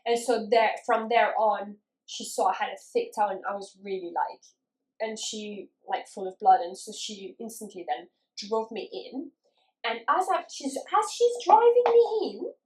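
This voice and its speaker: Brief: young woman co-host, fairly high voice, animated storyteller, roomy echo. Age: 20s. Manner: animated, acts out quoted voices. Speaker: podcast co-host. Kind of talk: casual storytelling chat. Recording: echoey room.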